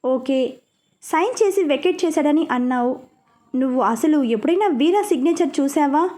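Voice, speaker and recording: A woman's voice: high-pitched, expressive, normal speed, dark tone. A woman voicing a caring, firm woman who comforts and questions a crying friend.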